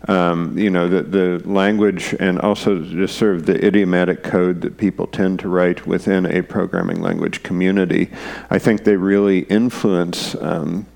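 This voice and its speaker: A man with a very deep voice and a gravelly, fry-laden texture, answering interview questions. He talks hesitantly, restarting phrases and filling pauses with "um" as he works through technical ideas. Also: level tone, a little mellow. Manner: hesitant, many fillers and restarts. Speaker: guest programmer and conference speaker. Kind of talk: unscripted technical explanation.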